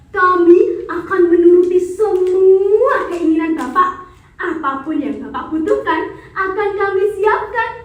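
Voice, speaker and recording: Woman doing giggly bootlicking underling onstage, very high, super slow, servile. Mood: fawning. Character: fawning, obedient underling eager to please the boss. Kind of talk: theatrical stage monologue. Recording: very echoey stage recording.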